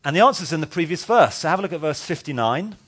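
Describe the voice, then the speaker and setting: A man's voice: on the high side, lively intonation, fast talker, fairly bright tone, slightly rough. Wry, conversational male preacher. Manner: conversational, wry and emphatic, with asides and sarcasm. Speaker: pastor. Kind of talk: expository sermon.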